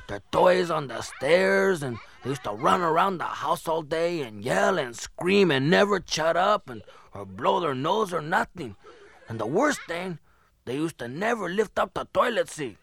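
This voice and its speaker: Male stand-up storyteller, deadpan and rambling; bright, raspy. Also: on the high side. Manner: rambling deadpan tall-tale telling. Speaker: comedian. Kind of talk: comic storytelling routine.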